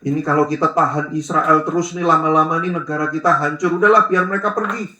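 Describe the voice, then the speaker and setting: A man's voice: on the high side, fairly even intonation, fast talker, pushed and bright, echoey room. A man voicing a worried, stubborn ancient king who grumbles as he changes his mind. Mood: fretful.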